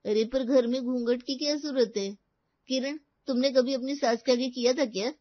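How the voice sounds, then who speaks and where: A woman's voice: sits high, steady tone, moderate pace, no room sound, pitched above the performer's own voice, natural voice. A woman voicing a gossipy middle-aged neighbor who complains snippily. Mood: snippy. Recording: dull dry lo-fi recording.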